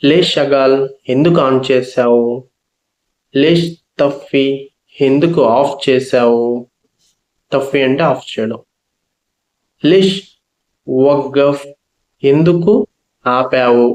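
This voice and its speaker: A man's voice: medium pitch, takes it slowly, pauses often, a little mellow, echoey room. A man teaching a spoken language lesson, patiently repeating each phrase and its meaning.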